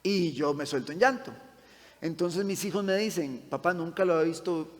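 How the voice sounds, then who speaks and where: Emotional pastor in echoing hall. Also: male voice, on the high side, normal speed. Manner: emotional storytelling, swings from loud to hushed. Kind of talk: sermon. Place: church sanctuary. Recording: long hall reverb.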